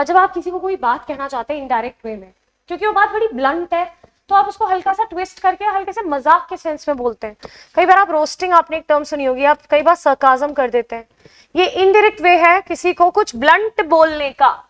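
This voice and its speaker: A woman's voice: sits high, fairly quick. An Indian woman teacher explaining vocabulary in a lesson, switching between Hindi and English and checking in with her students as she goes. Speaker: exam coaching teacher. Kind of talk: online classroom lesson.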